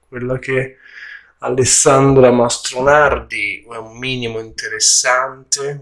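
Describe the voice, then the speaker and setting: A man giving a casual spoken film review, haltingly, often searching for words, in a slightly echoey room. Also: mid-range voice, fairly bright tone. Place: indoor room at home during a move.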